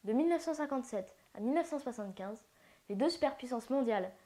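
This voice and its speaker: A woman's voice: sits high, lively intonation, quick pace, very noisy. A woman narrating a casual educational video, with playful slangy asides. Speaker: science channel narrator.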